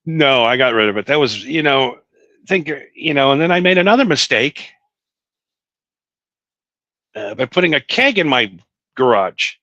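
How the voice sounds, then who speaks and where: Middle-aged male co-host, bright and forceful tone, dry close sound, animated self-mocking storyteller. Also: mid-range voice, moderate pace, pauses often, no room sound, dull audio. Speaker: podcast co-host. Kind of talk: casual stoner chat. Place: small studio.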